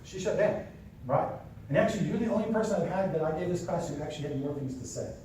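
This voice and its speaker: A man leads a classroom lesson for real estate agents, with a fairly high voice. He talks casually and keeps checking that the room is following. The sound is heavily echoey and picked up from far off, with a faint hiss. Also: lively intonation, fast, mellow. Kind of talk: classroom lesson with role-play.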